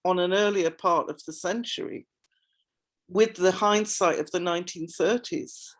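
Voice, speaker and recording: A woman chairing an academic panel discussion over a video call. She stammers and repeats words often, and her voice is going hoarse. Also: fairly low pitch, a little slow. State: losing her voice.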